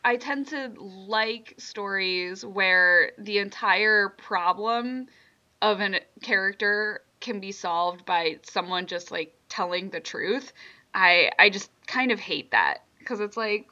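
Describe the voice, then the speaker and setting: A woman's voice: medium pitch, takes it slowly, bright, forceful tone. A young woman co-hosting a casual movie podcast, chatty and opinionated, full of fillers. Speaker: podcast co-host. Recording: slightly dull lo-fi audio.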